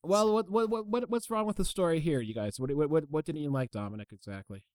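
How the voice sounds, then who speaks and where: A man's voice: on the high side, fast, darkish tone, no echo, studio quality. Stammering man hosting a movie chat. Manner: stammering restarts, eager questions. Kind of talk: casual movie review chat.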